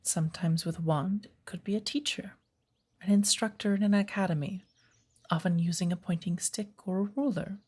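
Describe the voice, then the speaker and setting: A woman voices a forest witch giving patient magic lessons in ASMR roleplay, her husky, breathy tone frequently falling toward a whisper. Her wording is formal and her delivery gentle and measured, in a steady mid-range voice that is only lightly acted. The mood is patient and instructive.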